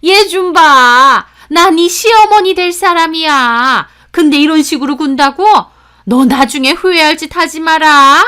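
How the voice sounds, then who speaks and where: A woman voicing a harsh, bossy older future mother-in-law who scolds and yells shrilly. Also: high voice, moderate pace, pitched above the performer's own voice, close to an everyday voice. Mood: furious.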